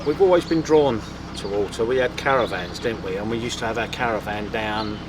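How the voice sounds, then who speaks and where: A man's voice: lowish voice, brisk. A middle-aged man from East London with a Cockney accent, chatting easily with his partner and often asking her to confirm what he says. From East London, England. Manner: easygoing, rambling, asks his partner to confirm. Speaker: vlog co-host. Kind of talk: casual chat. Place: outdoors on a moving narrowboat. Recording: outdoor noise from boat and traffic.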